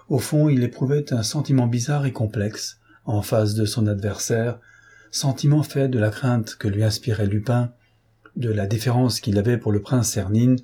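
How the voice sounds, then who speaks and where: A man narrating a classic novel as an audiobook, reading in a measured, even way. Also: mid-range voice, breathy edge. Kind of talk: scripted narration.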